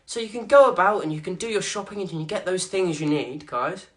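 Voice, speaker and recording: Out of breath after a workout, a fitness instructor with a brisk, mid-range voice reads Bible verses and earnestly encourages viewers. The talk is peppered with "okay" and "guys".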